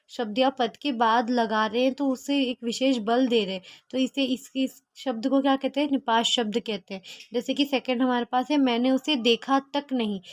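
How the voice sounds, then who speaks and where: A woman's voice: high voice, no echo. A woman tutoring a grammar lesson, explaining each example and answering her own questions, with fillers and restarts.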